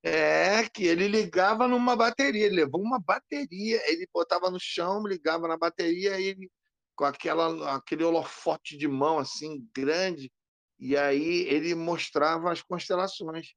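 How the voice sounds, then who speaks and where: A man co-hosting a podcast, telling an animated story in casual chat and acting out the lines of the people in it. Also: fairly high pitch, moderate pace, creaky, no room sound. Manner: animated, acts out quoted lines. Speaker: podcast co-host.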